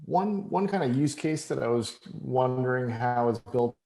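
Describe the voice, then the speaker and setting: A man's voice: mid-range voice, animated, moderate pace, vocal fry, dark tone. A man on a video call with a bad connection that keeps cutting out, asking hesitant questions with fillers and restarts. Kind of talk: casual work meeting. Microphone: computer mic on a video call. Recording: echoey video call with dropouts.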